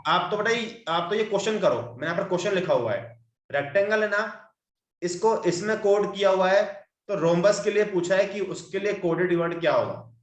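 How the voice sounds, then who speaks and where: A man's voice: sits high, moderate pace, roomy sound, highs cut off. A male teacher running an online tutoring class, patiently coaxing his students through each step and calling them "beta".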